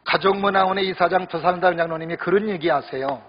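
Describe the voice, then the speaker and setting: Man, pastor, high husky voice, chatty joking sermon, church hall echo, dull lo-fi recording. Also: fast talker. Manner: conversational, joking, addresses congregation directly. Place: church sanctuary during worship service. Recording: echoey hall, dull lo-fi sound.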